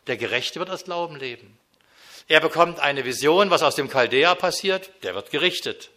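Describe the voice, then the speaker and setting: Earnest preacher, bright voice. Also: male voice, a little high, animated, normal speed. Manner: earnest, shifts between emphatic and hushed intimate tone. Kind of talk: sermon.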